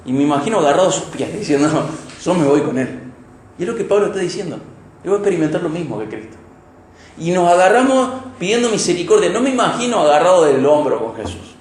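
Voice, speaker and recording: A man with an Argentine Spanish accent preaching an expository sermon as pastor, emphatic, swinging between loud peaks and soft, quiet drops. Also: high voice, sing-song, fast. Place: church hall. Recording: echoey church hall.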